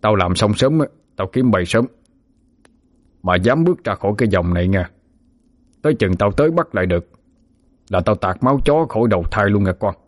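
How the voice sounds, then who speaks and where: Man doing gruff old ghost-hunter. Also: lowish voice, expressive, fairly quick, pauses often, no room sound. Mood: stern. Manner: scolding, coarse threats.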